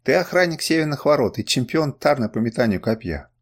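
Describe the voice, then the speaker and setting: A proud young queen reclaiming her throne, read by a man, dignified and commanding. The voice rises a little above the reader's plain tone and swings lively in pitch. It sounds like a storybook reading, not a full performance. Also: a little fast. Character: proud young woman, deposed queen of a city.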